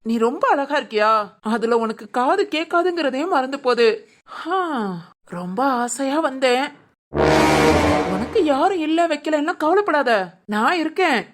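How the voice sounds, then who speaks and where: Smug lecherous cartoon village guy, teasing, high-pitched for a man. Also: animated, normal speed, a little hiss or hum. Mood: leering. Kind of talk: animated cartoon voice acting.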